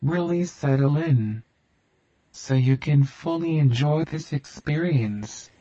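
Slow, mellow male hypnotist voice. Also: fairly high pitch, muffled recording. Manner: slow, soothing, repetitive suggestions. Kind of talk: guided hypnosis induction.

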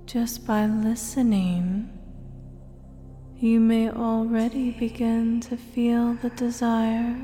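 A woman speaking as a hypnotist in a guided hypnosis recording, slow and soothing, slipping often into soft whispers. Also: fairly high pitch, level tone. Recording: long reverb with faint music behind.

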